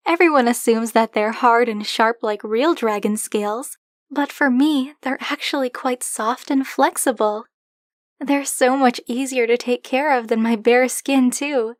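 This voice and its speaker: In a close, dry studio recording, a woman with a high voice speaks unhurriedly as a flirty, possessive dragon-blooded librarian in an ASMR roleplay. She teases the listener in a coy, insistent way, and the mood stays chatty and gentle.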